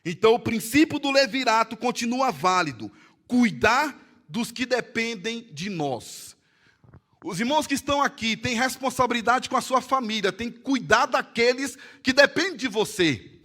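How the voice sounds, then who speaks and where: A man with a Brazilian Portuguese accent, a pastor preaching a sermon in church, swinging between loud emphatic lines and hushed storytelling. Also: extremely high pitch, animated, moderate pace. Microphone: live-streamed church service mic.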